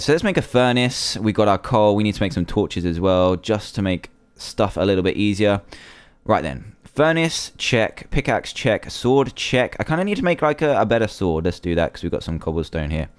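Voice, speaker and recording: A young man talks his way through a survival game in a smooth, clear voice that sits a little low. He chatters casually and slips easily into nervous panic. The sound is dry and close, with no room around it. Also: dry recording. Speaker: gaming video creator. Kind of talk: casual gameplay commentary.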